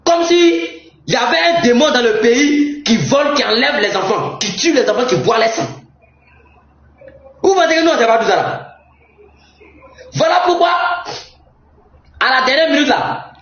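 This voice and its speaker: A young man with an Ivorian French accent giving a heated political rant, mocking and often shouting and laughing. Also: very high-pitched. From Côte d'Ivoire. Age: young adult. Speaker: political commentator. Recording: roomy, dull lo-fi sound.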